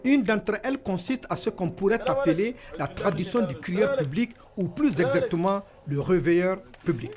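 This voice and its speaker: A man's voice: high voice, animated, moderate pace, few pauses. A man reading a formal, scripted documentary narration as a reporter. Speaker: reporter narrating a cultural feature. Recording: music behind the voice.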